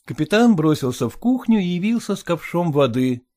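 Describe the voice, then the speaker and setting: A man narrating a story in measured, even storytelling. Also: fairly high pitch. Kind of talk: audiobook narration.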